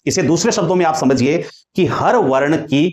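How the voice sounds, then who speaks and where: A man's voice: on the high side, animated, normal speed, darkish tone, reverberant. A man teaching Hindi grammar in a lecture style, explaining patiently, repeating key points and drawing out sounds as examples while writing on a board.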